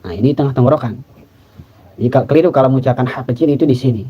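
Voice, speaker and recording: A man's voice: medium pitch, racing, slightly rough. Patient man teaching Quran recitation. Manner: patient, repeats and drawls out example words. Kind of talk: tajwid lesson. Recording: slightly dull lo-fi sound.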